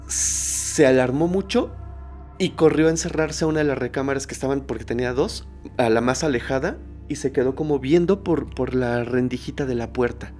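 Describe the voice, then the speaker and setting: A man hosting a horror podcast, telling a story in a suspenseful way, dropping to a hush and rising again. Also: medium pitch, normal speed, faint music behind. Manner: suspenseful, shifts between hushed and raised tones.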